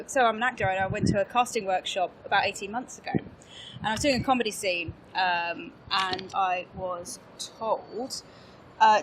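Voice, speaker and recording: A woman's voice: medium pitch, poor audio. A young woman from England, an actor and improviser, chatting as a podcast guest in a bubbly, self-mocking way and laughing often. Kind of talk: casual interview chat.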